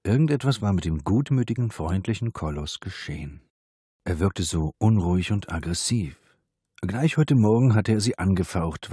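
Male narrator, steady thriller read, husky, low, dry sound. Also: dry recording. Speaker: audiobook narrator. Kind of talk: scripted narration.

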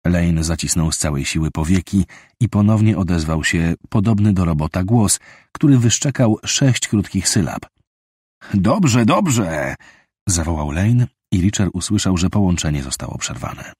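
Male audiobook narrator, deep voice, slightly husky, steady measured thriller narration, dry close studio sound. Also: dry recording.

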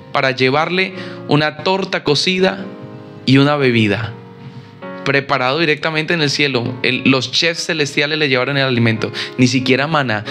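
A preacher delivers his sermon with emphasis, and his voice sits a little high for a man. He acts out the figures he quotes, and soft guitar plays underneath.

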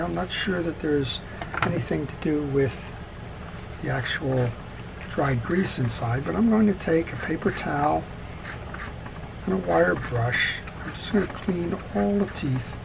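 Slightly high and gravelly, the man's voice moves at a measured pace as he demonstrates a fishing reel repair at an indoor wooden workbench. The tutorial is casual yet methodical, taken one step at a time, against constant background noise.

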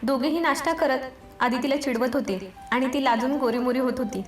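Woman, storyteller, romance audiobook narration, fairly high voice, roomy echo, faint music behind. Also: a little fast.

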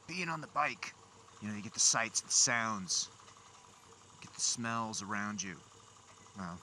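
Male motovlogger, lowish voice, casual and grumbly, speaking inside a helmet with engine and traffic noise. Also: sharp tone. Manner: wry, grumbling asides at traffic. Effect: voice enclosed inside a motorcycle helmet. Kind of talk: casual chat, muttering to himself while riding. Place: riding a motorcycle outdoors on city streets at night. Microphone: small mic inside helmet, recorder.

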